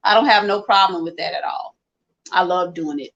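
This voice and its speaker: A woman's voice: lowish voice, normal speed, creaky, fairly bright tone, dull audio. A middle-aged woman talking informally to live viewers, rambling through advice and repeating points for emphasis. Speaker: livestream host. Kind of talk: casual chat to live viewers, giving advice.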